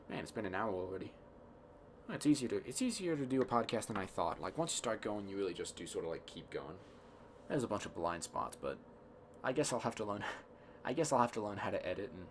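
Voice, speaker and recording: Tired young man, low cracky voice, soft R's. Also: slight background noise. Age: young adult. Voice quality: soft, imprecise R sounds. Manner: meandering, self-deprecating, thinking aloud. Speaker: podcast host. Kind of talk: rambling casual solo podcast talk. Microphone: close podcast microphone.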